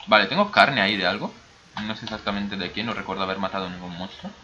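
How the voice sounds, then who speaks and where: Man, mixed Basque and Brazilian accent, rambling gameplay chat, low bright voice, dull lo-fi mic. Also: quick pace, noisy background. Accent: mix of Basque and Brazilian Spanish. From Basque Country. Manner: rambling, chatty, talks to himself. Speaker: gaming YouTuber. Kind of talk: casual gameplay commentary.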